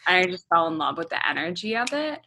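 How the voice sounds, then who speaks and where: A Hong Kong-raised musician in her thirties answers interview questions in a relaxed manner, thinking aloud with lots of ums and likes. Her voice is fairly low and she talks fast.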